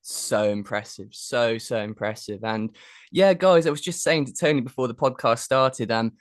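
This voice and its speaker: A man's voice: medium pitch, expressive, normal speed, no room sound, clean studio sound. A man hosting a podcast interview, enthusiastic and often repeating his words as he introduces his guest. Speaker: podcast host.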